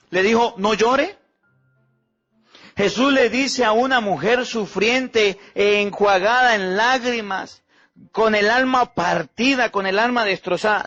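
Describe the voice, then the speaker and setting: A man's voice: sits high, a bit bright. A Mexican priest giving a homily at Mass. He preaches with heavy repetition and puts questions to the congregation. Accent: Mexican Spanish. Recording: slightly dull recording with faint music.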